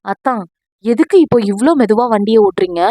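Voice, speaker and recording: A woman voicing a flustered, sharp-tongued young wife in an audio novel, complaining snappily. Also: a little high, expressive, moderate pace, no room sound, natural voice. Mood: irritated.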